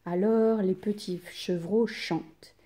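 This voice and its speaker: A woman reading a children's story aloud with expressive, unhurried storytelling. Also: medium pitch.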